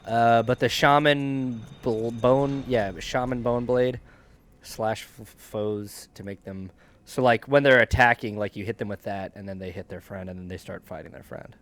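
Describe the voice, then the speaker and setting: A man chatting casually while streaming a video game. He rambles, restarts his sentences and lets them fade off. His pitch sits in the middle. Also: steady tone, normal speed. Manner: rambling, restarts often, trails off quietly. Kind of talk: casual chat.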